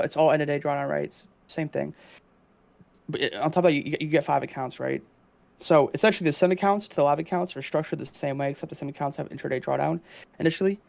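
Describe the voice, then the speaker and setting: Young man, rapid speech, vocal fry, casual livestream trading explanation, repetitive explanatory manner. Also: a little high. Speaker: live trading streamer.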